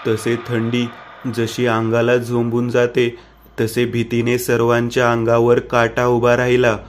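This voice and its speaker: A man narrating a horror story in a steady, even reading style. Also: mid-range voice, measured pace, slight background noise.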